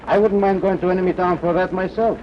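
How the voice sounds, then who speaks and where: A man's voice: high-pitched, steady tone, fast, lightly acted. An actor playing a probing, officious wartime checkpoint policeman in a 1940s film. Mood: wry. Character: suspicious, nosy wartime checkpoint policeman, man. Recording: dull, hissy 1940s film soundtrack.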